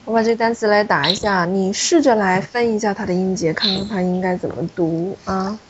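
A woman's voice: medium pitch, steady tone, fairly quick, dull audio, noisy background. A woman teaching a French pronunciation class, explaining rules step by step and calling on students. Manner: explanatory, repeats key points, calls on students.

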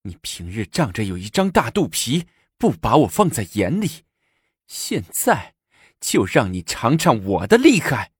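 A man's voice: medium pitch, wildly swooping pitch, slightly rough, no echo, studio quality, pitched above the performer's own voice, full character voice. A man voicing a haughty, scheming young empress who sneers and commands punishments. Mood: furious. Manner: sneering, drawn-out mocking lines.

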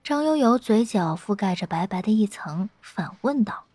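A woman narrating a web novel in a steady, lightly playful storytelling tone. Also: mid-range voice, moderate pace, dry recording. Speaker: audiobook narrator.

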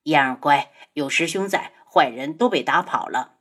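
A woman's voice: slow pace, a bit bright, slightly rough, full character voice. A woman doing a cold, stern young prince. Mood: tender. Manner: cold, clipped and lowered.

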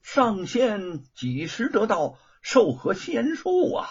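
A man doing a slow, coaxing Dragon King. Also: sits high, huge pitch swings, breathy edge, pitched above the performer's own voice, exaggerated voice. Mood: courteous. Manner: drawn out, coaxing. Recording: dull lo-fi recording.

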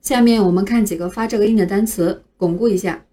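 In a scripted lesson on English pronunciation, a woman speaks at medium pitch with a dark tone. She spells every word out letter by letter, slowly and with care.

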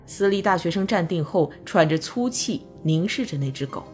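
A woman narrating a novel as an audiobook, in calm, measured storytelling. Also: on the low side, soft background music.

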